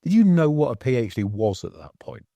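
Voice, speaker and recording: A man's voice: mid-range voice, big pitch swings, fairly quick, vocal fry, mellow, no echo, highs cut off. A man hosting a casual interview podcast, asking eager, chatty questions. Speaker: podcast host.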